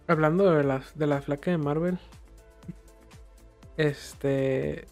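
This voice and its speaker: A man's voice: a little high, fairly even intonation, slow pace, a little mellow, faint music behind. A man chatting casually on a podcast, giving wry, sarcastic commentary. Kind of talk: casual chat.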